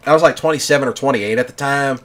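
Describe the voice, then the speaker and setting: A man's voice: mid-range voice, quick pace, a bit bright. A man in his thirties telling a long personal story in a casual monologue, rambling with lots of fillers. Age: 30s. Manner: rambling, filler-heavy with many "you know"s. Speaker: gaming channel host.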